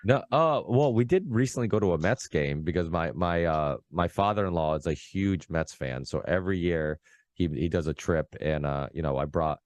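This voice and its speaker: A man in his thirties from Massachusetts hosts a casual podcast chat, his voice very deep and low. He rambles excitably, stacking fillers and false starts. The sound is close and dry. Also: normal speed, dry recording. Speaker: podcast host.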